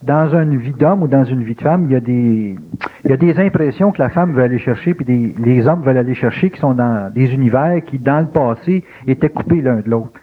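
Speaking a little fast with a breathy edge, this medium-pitched man interviews in a Québécois French accent. He sounds conversational and reflective, hunting for the right words as he puts his questions together, captured on a thin, phone-like lo-fi recording.

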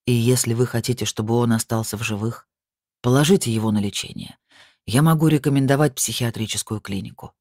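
A narrator voicing a calm, stern male medium who speaks slowly and gravely. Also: medium pitch, no room sound, studio quality, voice pushed down, natural voice.

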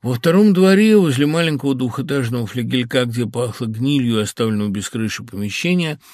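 A man reading an audiobook in a measured, even storytelling voice on a close studio mic. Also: medium pitch, no echo. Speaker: audiobook reader. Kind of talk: audiobook narration.

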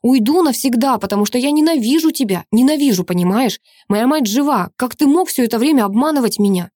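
A woman's voice: a little high, expressive, fairly quick, no echo, clean studio sound, voice pushed up, natural voice. A woman narrator voicing a young woman who confronts her father in tearful anger. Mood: anguished. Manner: pleading then shouting, tearful.

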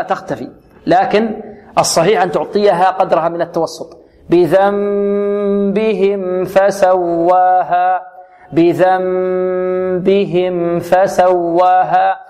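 Man, high voice, Quran recitation teacher, explains then chants verses slowly, asks the class questions. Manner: quizzes students with rhetorical questions.

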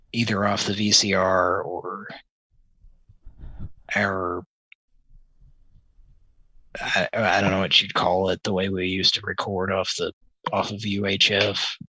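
Man, lowish husky voice, laid-back anecdote telling, dry close sound. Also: dry recording, low-quality recording. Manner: relaxed, drawn-out anecdote telling. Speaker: podcast co-host. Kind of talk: casual chat. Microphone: video call.

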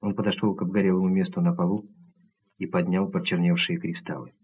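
A man narrating an audiobook in the first person, measured and even, on tinny narrow-band audio. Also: deep voice, breathy edge.

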